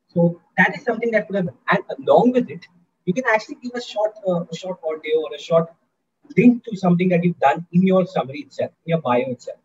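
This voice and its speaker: Brief: high-pitched man leading a student workshop, upbeat and coaxing, muffled lo-fi call audio. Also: darkish tone. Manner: upbeat, coaxing, keeps asking the audience. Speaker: guest speaker in a student workshop. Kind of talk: interactive online lecture.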